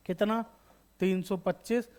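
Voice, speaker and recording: This online exam-prep accountancy lesson comes from a man whose voice sits high, steady and darkish, at a slightly slow pace. He speaks directly to the school students, addressing them as children with beta and bachche, repeating key terms and answering the questions he asks them.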